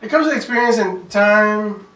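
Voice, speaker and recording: Man from Maryland, podcast guest, relaxed loose talk, echoey room, set back from mic. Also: sits high, moderate pace, far from the mic. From Maryland, USA. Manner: relaxed, loose, full of "like" fillers. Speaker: podcast guest, remodeling business owner. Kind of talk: casual interview chat.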